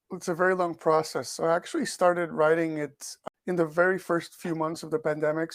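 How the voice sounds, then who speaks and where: This is a podcast interview with an author and researcher raised in Portugal, for whom English is a second language. He weighs his answers, repeating words mid-thought, in a gravelly voice on the high side. The sound is clean studio audio with no echo.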